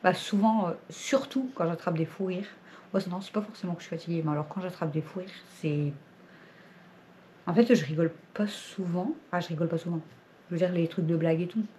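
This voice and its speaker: A woman's voice: fairly low pitch, brisk, mellow, a little hiss or hum. A woman chatting casually to her vlog viewers at home, rambling and laughing often. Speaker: family vlogger. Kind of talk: casual vlog chat to camera.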